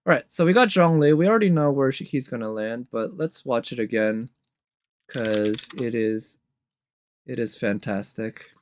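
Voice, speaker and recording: This man ranks game trailers as a video commentator, reacting casually and off the cuff while rambling a little as he thinks aloud. His voice is medium-pitched at a normal pace, with no echo, and trailer music plays behind him.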